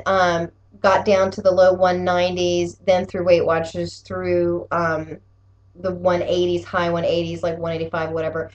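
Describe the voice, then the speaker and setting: A medium-pitched woman gives her weekly health challenge update as a vlogger, chatting casually and rambling while she often corrects and rephrases herself. The sound is lo-fi, with clear, steady room noise behind her.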